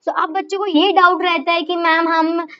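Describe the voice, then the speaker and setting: High-voiced woman teaching shorthand. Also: little pitch movement, normal speed, sharp tone. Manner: asks herself questions and answers them, repeats "okay"; addresses students fondly as children. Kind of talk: explaining a lesson. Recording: dull lo-fi recording.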